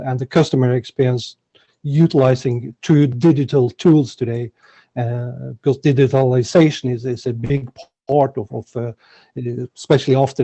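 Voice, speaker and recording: A man's voice: medium pitch, warm tone. A man from Norway introducing himself on a conference panel, hesitant, with frequent uhs. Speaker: digital marketing coach. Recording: muffled, dull audio.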